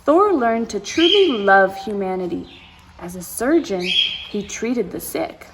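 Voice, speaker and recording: In a medium-pitched, expressive voice, a woman reads slowly from a storybook to young children as a story time host. Exclamations and asides to her listeners run through the reading, and clear background noise is audible.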